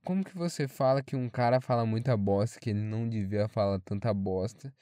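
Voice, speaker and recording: Um jovem brasileiro falando sozinho de forma casual, franca e cheia de palavrões, divagando sobre a faculdade. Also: male voice, on the low side, brisk, dark tone, clean tone, no echo, clean studio sound. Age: young adult. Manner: frank, rambling, swears freely. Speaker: podcast host. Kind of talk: casual solo monologue.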